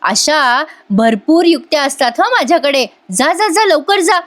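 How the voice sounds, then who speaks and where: A woman's voice: high-pitched, lively intonation, measured pace, voice pushed up. A woman voicing a sly young wife who teases her rival in a mock-sweet, playful way. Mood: teasing.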